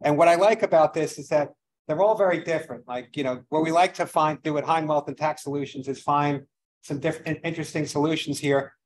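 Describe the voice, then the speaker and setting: Standing before a live audience at an event venue, a man with a slightly high voice hosts a financial seminar, talking fairly quickly. He's a financial advisor whose casual opening remarks wander a little, poke fun at himself, and brim with fillers. The audio quality is low.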